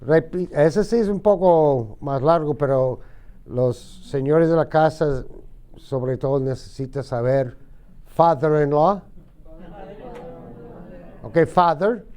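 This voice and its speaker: A middle-aged male teacher drills vocabulary in a classroom, taking his time over every word. His voice sits a little high for a man but sounds soft and mellow, and he leads patient call-and-repeat practice. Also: clean tone. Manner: slow, patient, repeats words for students to echo. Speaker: ESL teacher.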